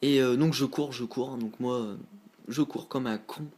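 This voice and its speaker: A man's voice: mid-range voice, normal speed, a little mellow. Slangy teen guy telling a story. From northern France. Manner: slangy, rambling, keeps addressing viewers as guys. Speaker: vlogger. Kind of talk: casual storytelling to viewers.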